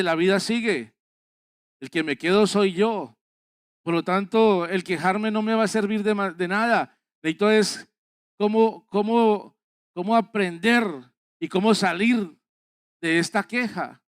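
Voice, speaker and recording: A male pastor delivers a sermon at a church service, urging his listeners on in an earnest, exhorting way and hammering home points through repetition. His voice sits high and comes across clean and resonant. The sound is dry and close, with little room echo. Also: smooth. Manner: earnest, exhorting, repeats phrases for emphasis.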